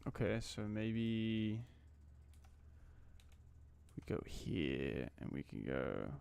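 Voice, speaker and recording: A man's voice: on the low side, very animated, extremely slow, creaky, a little mellow, smooth. A man in his twenties from Australia, chatting casually and muttering to himself on a live stream while he codes. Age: 20s.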